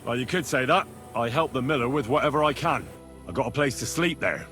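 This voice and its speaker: A man's voice: mid-range voice, fairly quick, bright, forceful tone, close to an everyday voice. An actor playing an earnest, plain-spoken young medieval man in a video game, with a straightforward manner. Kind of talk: video game dialogue acting. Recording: music behind the voice.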